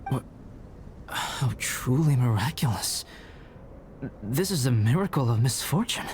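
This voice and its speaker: A man playing a calm, scholarly young alchemist with a detached, matter-of-fact manner in an anime-style video game. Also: mid-range voice, a little slow, a little hiss or hum, natural voice. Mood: calm, mildly amused.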